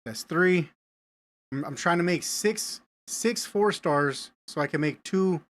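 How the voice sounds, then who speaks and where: A young man hosts a casual game live stream, thinking aloud and greeting viewers. His voice sits a little on the high side, and he stumbles over and repeats words as he works through his plans. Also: slow. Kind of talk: casual live-stream chat while gaming.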